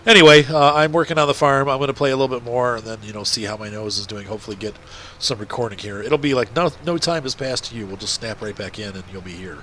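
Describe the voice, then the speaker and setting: A man with a blocked-up nose gives casual, rambling gameplay commentary as a video host, his mid-range voice sounding nasal and stuffy. He talks quickly with hardly any pauses in a sharp tone, and there's a little hiss or hum.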